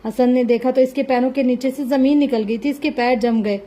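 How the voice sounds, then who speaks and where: Give me a woman narrating a dramatic novel, fairly high and warm. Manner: dramatic, even-paced reading. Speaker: novel reader.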